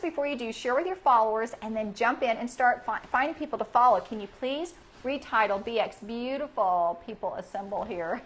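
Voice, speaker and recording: A woman's voice: on the high side, fairly bright tone. Bubbly woman hosting a livestream. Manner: bubbly, cheers viewers with frequent squealed yays. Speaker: livestream host. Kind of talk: casual livestream chat.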